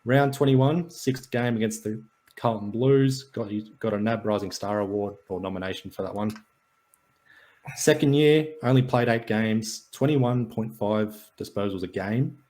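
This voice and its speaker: A man's voice: on the low side, moderate pace, darkish tone. A man, co-hosting a casual podcast, running through stats and match notes with a dry, jokey delivery. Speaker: podcast co-host. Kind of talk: casual sports and wrestling chat.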